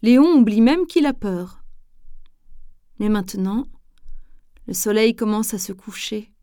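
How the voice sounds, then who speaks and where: A woman reading a children's story aloud in a gentle, expressive way. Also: mid-range voice, a little slow, no echo, studio quality.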